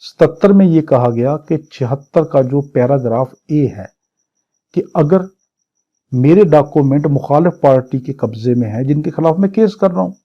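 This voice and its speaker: Slightly high-pitched and expressive at a normal speed, a man with a Pakistani accent gives a law lecture for exam prep. He reads aloud English statute phrases and works through each one point by point, repeating and rephrasing didactically. Sound quality is dull, muffled lo-fi.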